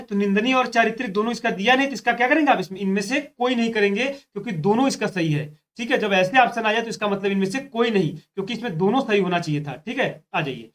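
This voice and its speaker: With a high-pitched, slightly bright voice, a male teacher walks his students through practice test questions in careful steps. He repeats phrases and addresses them directly, using "dekho" and "thik hai" in this exam prep session.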